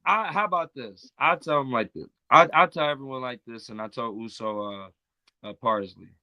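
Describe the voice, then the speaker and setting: A man's voice: mid-range voice, normal speed, sharp tone, no echo. A man from Iowa, a wrestling guest, talking in a laid-back, casual way and often repeating himself. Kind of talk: casual interview chat.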